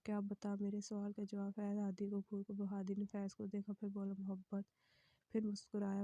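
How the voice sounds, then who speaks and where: Woman reading a love story, soft breathy voice, really even and mellow, dry close mic. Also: mid-range voice, no room sound. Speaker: novel reader. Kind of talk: reading a romance novel aloud.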